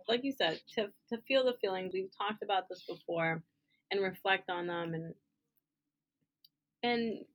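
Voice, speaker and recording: A woman co-hosting a casual podcast chat, frank and quick to swear, laughing often. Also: mid-range voice, fairly bright tone. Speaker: podcast co-host.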